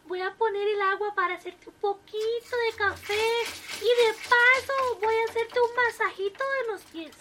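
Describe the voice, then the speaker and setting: A woman voicing a shrill, excitable older wife in a comic story. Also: moderate pace, few pauses. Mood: sweet, loving. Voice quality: high-pitched, shrill.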